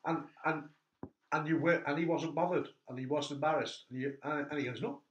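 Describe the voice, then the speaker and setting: A middle-aged man hosts a relaxed interview chat. He tells stories with lively, animated bursts, and his voice has a roomy echo. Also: fairly high pitch, brisk, muffled recording. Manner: animated storyteller, voice jumps up when telling funny bits. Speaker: host. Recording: echoey room.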